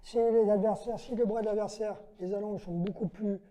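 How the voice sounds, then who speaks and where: In this demonstration lesson, a self-defense instructor talks a little fast in a high, mellow voice with fairly even intonation. Step by step, he counts off each move, issues brief commands to his partner, and asks "d'accord?" to make sure everyone follows.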